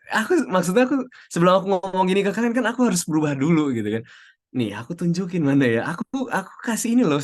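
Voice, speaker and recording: A man giving a casual talk to a group on a video call, chatty, acting out little quotes and mixing in English phrases. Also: a little high. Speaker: speaker at an online youth session.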